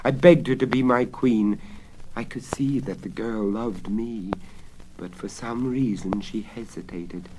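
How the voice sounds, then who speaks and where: A man's voice: lowish voice, a little slow, lightly acted. A man voicing a desperate, lovesick king with impassioned, commanding theatrical delivery in a storybook reading on crackly vinyl. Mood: wistful. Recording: crackly 1970s vinyl spoken-word record.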